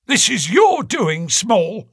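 A man's voice: high-pitched, sing-song, normal speed, a bit bright, dry recording, studio quality, pitched above the performer's own voice, heavily acted. A man reading aloud, voicing a stern, angry male police detective.

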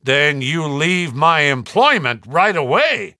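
A man voicing a stern, direct gentleman who interrogates his servant in a storybook reading. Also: mid-range voice, slow pace, dry recording, clean studio sound. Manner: stern, commanding.

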